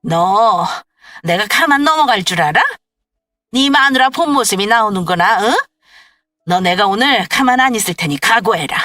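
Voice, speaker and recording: A woman voicing a bossy, contemptuous older mother-in-law who scolds in a shrill, sneering way. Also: expressive, normal speed, bright, forceful tone, no room sound, studio quality, recorded from a distance, soft background music. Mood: furious.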